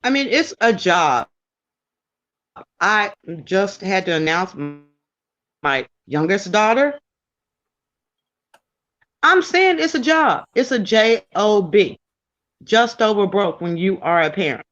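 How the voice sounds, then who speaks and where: A woman's voice: medium pitch, big pitch swings, takes it slowly, long pauses, fairly bright tone. A woman calling in as a guest, talking emphatically and rambling with restarts over a crackly call line that keeps dropping. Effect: crackly, dropping remote call line. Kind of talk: casual talk show discussion. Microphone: remote call. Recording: dull lo-fi call audio.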